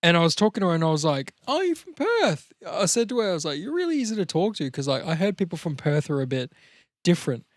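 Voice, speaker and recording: This Australian man hosts a podcast and chats loosely, wandering through sweary, tangent-filled anecdotes. He talks fast in a fairly high, sing-song voice, and the recording has no echo.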